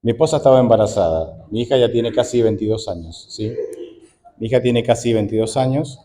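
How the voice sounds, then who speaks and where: A man's voice: lowish voice, brisk, dark tone. A man in his forties, an Argentine pastor, preaching a conversational sermon full of rhetorical questions. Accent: Argentine Spanish.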